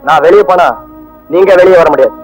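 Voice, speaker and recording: A man's voice: high voice, quick pace, soft background music, lightly acted, rough recording. An actor playing a defiant young male student who answers his teacher back with cool insolence in a film scene. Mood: insolent. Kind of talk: 1980s film acting.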